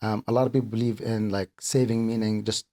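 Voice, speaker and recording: A middle-aged man from Kuwait talks as an interview guest, earnest and a little halting, often circling back over his words. His voice sits on the low side. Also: level tone, mellow. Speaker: podcast guest, accountant and business owner. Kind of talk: casual interview talk.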